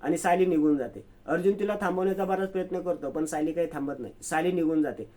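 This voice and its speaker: A man's voice: fast talker, dark tone. A man retelling a TV serial episode as a story, narrating the scenes and speaking every character's lines himself. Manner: voices each character's quoted lines with raised pitch and emphasis. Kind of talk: storytelling recap reading all the characters' lines.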